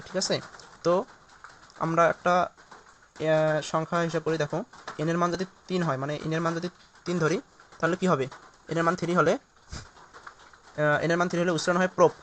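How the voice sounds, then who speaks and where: Male tutor, rapid delivery, slightly high voice, keeps quizzing himself, faint hiss behind. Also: a bit bright. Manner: repeats steps, asks and answers his own questions. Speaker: chemistry teacher. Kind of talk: recorded online lesson.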